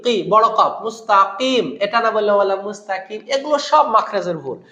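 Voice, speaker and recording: A man's voice: high voice, animated, quick pace, pushed and bright, roomy sound. A man teaching Quran recitation, who explains Arabic letter sounds by demonstrating them and then asks and answers his own questions. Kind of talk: lesson on Arabic letter pronunciation.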